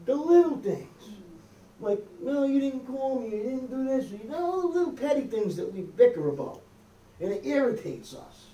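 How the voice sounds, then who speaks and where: Preaching in a small church hall with wood-paneled walls, this middle-aged American pastor keeps asking "okay?" and "amen?" in a chatty sermon. His very high, sing-song voice moves at a moderate pace and has a dark tone, with slight background noise. A far camera with no visible mic captures him, leaving the room echoey and distant.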